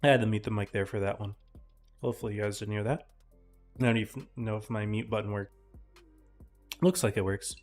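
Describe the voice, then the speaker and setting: A man casting a live esports match in a casual, chatty way, his voice tiring and often clearing his throat. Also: on the low side, fairly even intonation, a little fast, pauses often, faint music behind. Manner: casual, chatty, talks to chat viewers. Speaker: esports caster.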